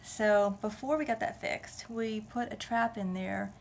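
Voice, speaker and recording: A woman's voice: medium pitch, steady tone, unhurried, vocal fry, a little hiss or hum. A woman in her thirties chatting casually to the camera at home, rambling and thinking aloud with many restarts. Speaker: vlogger. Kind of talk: casual home vlog chat. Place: family house indoors.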